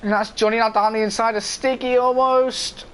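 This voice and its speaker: A man's voice: very high voice, flat delivery, moderate pace, a bit bright, a little hiss or hum. A man giving informal live motorsport commentary on an online racing game.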